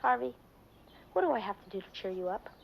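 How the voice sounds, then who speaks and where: A woman's voice: medium pitch, lively intonation, quick pace, gravelly. A woman playing a sassy, defiant teenage girl with a blunt, wisecracking way of talking in a 1970s TV drama. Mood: brash, teasing. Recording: muffled, faintly noisy old TV soundtrack.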